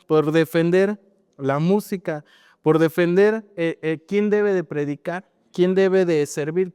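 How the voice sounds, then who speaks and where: A man's voice: high-pitched, darkish tone, smooth, no echo, clean studio sound, long reverb tail. A man with a Mexican accent preaching a sermon as pastor, in a conversational style that keeps adding tag questions.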